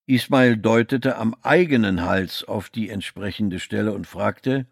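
A man reading a novel aloud as scripted audiobook narration, giving the characters' lines small shifts in pitch. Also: unhurried, creaky, no echo, studio quality.

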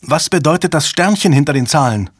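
Male narrator as a tense young woman analyst, raised pitch, urgent questions, dry studio sound. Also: expressive, brisk, slightly rough, dry recording.

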